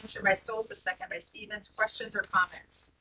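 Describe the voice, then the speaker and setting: A woman presiding over a school board meeting, calling motions and votes in a brisk, procedural way. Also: mid-range voice, little pitch movement, pushed and bright. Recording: distant mic with faint noise.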